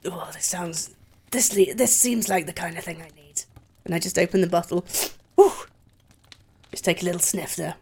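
A woman's voice: lowish voice, normal speed, darkish tone, slightly rough. A woman playing her character in a tabletop game, rambling and hesitant as she talks in character. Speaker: player.

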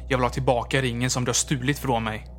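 A man's voice: mid-range voice, flat delivery, a little hiss or hum, close to an everyday voice. A man doing a vengeful skeleton ghost. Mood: menacing.

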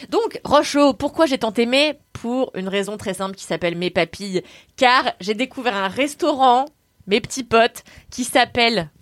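A young woman telling a travel story on a podcast, animated and slangy, laughing often. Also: fairly high pitch, dry recording. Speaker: podcast co-host. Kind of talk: casual chat, storytelling.

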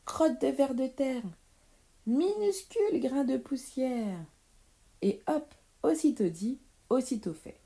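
A woman's voice: mid-range voice, lively intonation, measured pace, dark tone, close to an everyday voice. A woman voicing two boastful old witches who trade insults in a children's storybook reading. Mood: triumphant. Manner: cackling, insult-hurling, theatrical.

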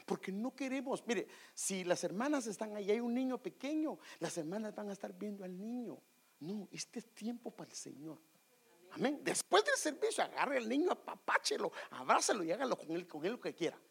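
Pastor, church teaching on worship, raspy voice, lively rises and falls, rhetorical questions, sings snatches of hymns. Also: mid-range voice. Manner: animated, asks the congregation rhetorical questions; sings short bits of worship songs.

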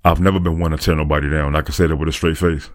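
A man's voice: rumbling low, little pitch movement, rapid-fire, no echo, studio quality. A man talking through a reflective, earnest podcast monologue, repeating phrases for emphasis. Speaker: podcaster and aspiring motivational speaker.

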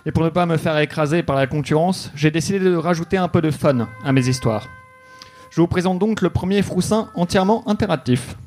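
Male comedy host, slightly high voice, deadpan noir narration, live stage recording with faint music behind. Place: comedy club stage with audience.

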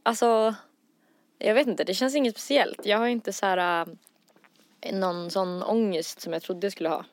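A woman's voice: mid-range voice, fairly even intonation. A woman in her twenties co-hosting a podcast in casual chat, laughing often as she talks loosely. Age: 20s. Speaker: podcast co-host.

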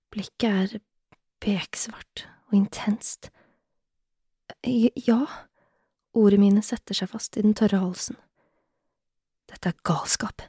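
A woman narrating a first-person erotic story, reading softly and often in a half-whisper. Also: medium pitch, husky, dry recording, studio quality. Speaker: audiobook narrator.

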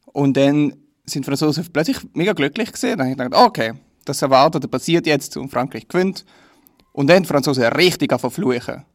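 A man's voice: on the high side, animated, fast, no room sound. A young man with a Swiss German accent, telling dry, self-deprecating stories in casual chat. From Switzerland.

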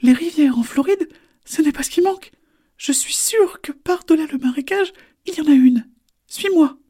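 A man voicing a small, chatty female turtle in a storybook, with a squeaky, breathy voice that often drops to a whisper. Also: moderate pace, mellow. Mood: urging.

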